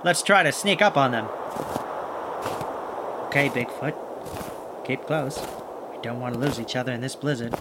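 A man's voice: fairly high pitch, normal speed, very noisy, natural voice. A man playing a plucky, kindhearted, wisecracking monster hunter who narrates and acts in a children's audio adventure with folksy exclamations. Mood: indignant. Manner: folksy exclamations, animated chatter to sidekick.

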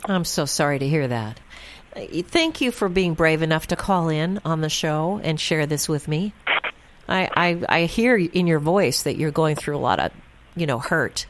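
A woman's voice: deep voice, expressive, normal speed, slight background noise. A woman hosting a call-in advice radio show, chatty and reassuring, full of fillers.

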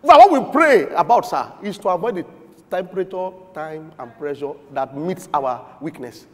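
Emphatic high-voiced preacher. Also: male voice, animated, normal speed, long reverb tail. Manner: emphatic, swings between shouting and murmuring, chuckles often. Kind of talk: sermon.

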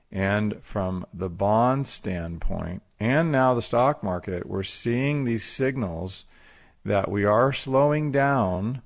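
A man's voice: lowish voice, vocal fry. A man hosting a financial radio segment, explaining conversationally and answering his own questions. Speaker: financial radio show host. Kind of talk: market commentary.

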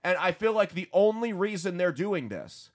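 A man hosts a political talk show in an emphatic, ranting manner, often stumbling over and repeating words. His pitch sits a little high and swings widely as he builds his points. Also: expressive, normal speed. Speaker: podcast host.

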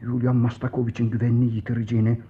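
An actor playing a steady male friend in a radio play, scolding firmly and then soothing in a hushed voice. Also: medium pitch, rapid-fire, lightly acted. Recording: dull lo-fi old radio recording.

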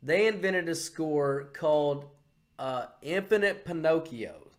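Crude, animated male podcast co-host. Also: on the high side, slow. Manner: crude, animated retelling with put-on character voices. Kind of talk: casual chat.

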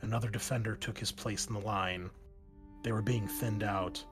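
A man acting as game master, describing the scene and reading battle narration aloud at a measured, steady pace. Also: lowish voice. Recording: music playing underneath.

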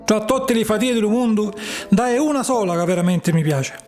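Storybook puppet boy, cheeky and lazy, played by a man high and snappy. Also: normal speed, darkish tone, soft background music, natural voice. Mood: defiant. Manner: impatient, defiant, boastful.

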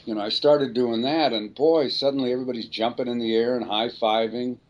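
An older man, a voice actor, telling a rambling, relaxed story in an interview. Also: mid-range voice, fairly quick, highs cut off. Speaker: voice actor guest. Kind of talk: anecdotal storytelling.

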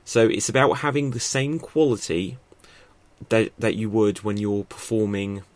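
This podcast host teaches improv off the cuff, rambling in a chatty way full of fillers and restarts as he explains stagecraft into his podcast mic. He talks a little slowly in a fairly low voice with fairly even intonation, and there's no echo.

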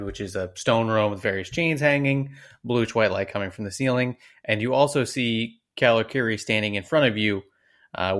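A man running a tabletop game as game master, laid-back and a little hesitant. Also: lowish voice.

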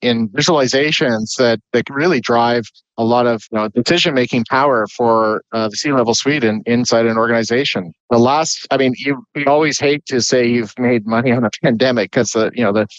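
A man's voice: mid-range voice, brisk, hardly any pauses, no echo. A man speaking as a guest, talking at length about his company and filling his sentences with "you know" and restarts. His voice comes through a dull, muffled line, dry with no room around it. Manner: fluent but full of restarts and "you know". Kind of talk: explaining business at length. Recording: dull, dry remote audio.

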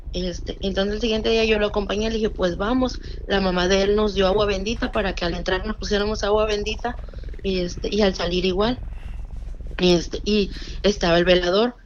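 A woman with a Mexican Spanish accent, her voice medium in pitch and her speed normal, tells a true scary story in casual conversation. She retells it with animation, acting out the voices of the people involved and quoting their dialogue. The audio is dull, with a little hiss or hum.

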